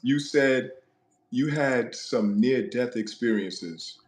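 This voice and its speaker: Guy hosting an interview, soft and polite, mid pitch, quiet asks. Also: slow. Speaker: interview host. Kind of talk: interview questions.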